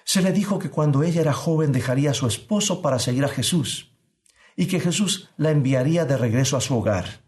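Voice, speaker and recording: A man preaching a sermon, speaking earnestly to his listeners, asking them questions and reading scripture slowly and deliberately. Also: a little high, lively intonation, a little mellow.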